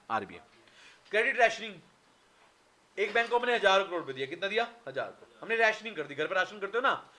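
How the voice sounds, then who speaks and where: Energetic bright-voiced Indian lecturer. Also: male voice, high voice. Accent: Indian English. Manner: energetic, quizzes students with questions and answers them himself. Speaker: teacher. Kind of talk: exam revision lecture.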